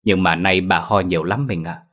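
Guy voicing a soft caring young wife in a storybook, pleading, low voice. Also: steady tone, normal speed.

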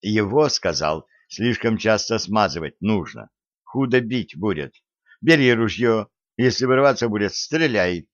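A man's voice: on the low side, lively intonation, a little slow, dry recording. A man voicing an earnest young woman who pleads and urges in an audiobook. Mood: urgent. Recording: dry, slightly dull audiobook recording.

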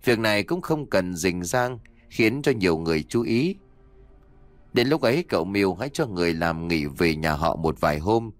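A man voicing a calm, wise old male exorcist master who speaks in a measured, instructive way. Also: low-pitched, no room sound.

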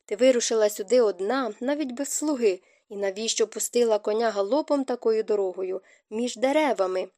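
A woman's voice: fairly high pitch, fairly quick, few pauses, mellow, no room sound, clean studio sound, close to an everyday voice. A woman voicing an anxious, stern young nobleman husband in an audiobook, speaking urgently and insistently. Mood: angry.

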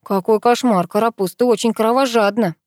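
A woman's voice: on the high side, brisk, a little mellow, no room sound, studio quality, pitched above the performer's own voice, close to an everyday voice. A woman voicing a cocky, joking teenage boy in an audiobook, drawling and teasing.

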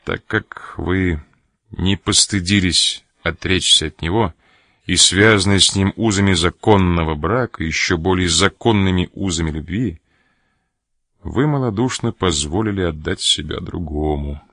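A proud, wounded buccaneer, voiced by a man reading an audiobook, speaking with measured, bitter reproach. The voice sits deep and low. The recording is dry and close, with no room sound. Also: fairly bright tone, dry recording, exaggerated voice. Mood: stern. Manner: stern, measured, cold reproach.

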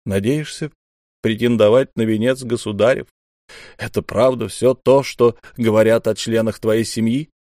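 A man voicing an aloof, weary sovereign who speaks slowly and quietly. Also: lowish voice, fairly even intonation, no echo, studio quality, lightly acted. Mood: cold. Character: cold, weary male sovereign, aloof and sad.

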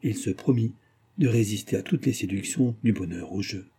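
A man narrating a literary audiobook with a measured, dramatic reading. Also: fairly low pitch, mellow, slightly rough.

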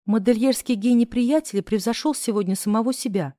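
Mellow-voiced woman reading a novel. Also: a little high, brisk, no room sound, studio quality. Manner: expressive, voicing characters' lines. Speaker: audiobook narrator. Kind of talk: first-person scripted narration.

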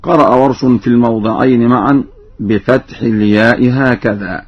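A man with an Egyptian accent explains Quran reading variants on radio. He chants each quoted verse slowly and melodically. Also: mid-range voice, fairly even intonation, husky. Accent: Egyptian Arabic. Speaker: Quran recitation teacher on radio. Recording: dull lo-fi radio broadcast.

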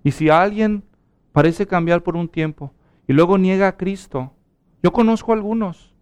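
A man's voice: sits high, normal speed, darkish tone, smooth. A man preaching a sermon, earnest and telling a personal story, then leading a prayer. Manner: earnest preaching, acts out quoted dialogue. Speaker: pastor.

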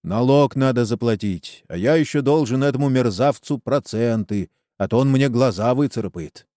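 A man's voice: mid-range voice, moderate pace, warm tone, no room sound, clean studio sound, lightly acted. A man voicing a weary, indebted peasant farmer who talks in a rueful, plain-spoken way, in a storybook reading.

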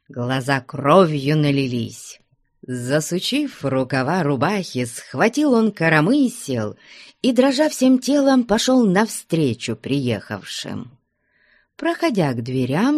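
A woman narrating a classic novel as an audiobook in a deliberate, expressive way. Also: low-pitched, dry recording, clean studio sound.

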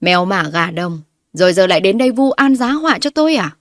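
A woman narrator voicing a spiteful, scheming older mother-in-law who scolds and insults loudly. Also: mid-range voice, lively intonation, normal speed, dry recording, studio quality, natural voice. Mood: scornful.

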